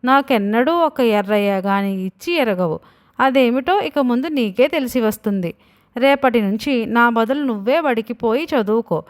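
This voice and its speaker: Cheeky boy talking back, taunting, a lady storyteller doing him, high-ish voice, storybook. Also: lively intonation, moderate pace, close to an everyday voice. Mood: defiant. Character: cheeky schoolboy son, now in his father's body.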